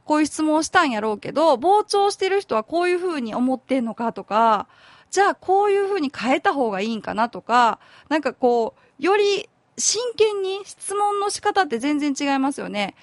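A woman's voice: high voice, big pitch swings, normal speed, no room sound. A woman lawyer with a Kansai accent hosting a community radio talk show in a chatty, informal way, thinking aloud as she speaks. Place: radio studio.

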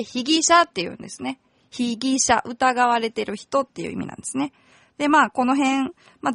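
A woman's voice: sits high, fairly bright tone, no echo, clean studio sound. A woman lawyer hosting a radio show, patiently explaining legal terms step by step and sometimes correcting herself mid-sentence. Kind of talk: casual explanatory radio talk.

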